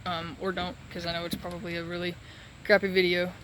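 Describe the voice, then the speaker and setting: High voiced guy doing a rambly halting vlog after surgery, sore throat, bit of noise behind him. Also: monotone, a bit bright, rough recording. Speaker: patient giving a recovery update. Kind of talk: casual solo vlog.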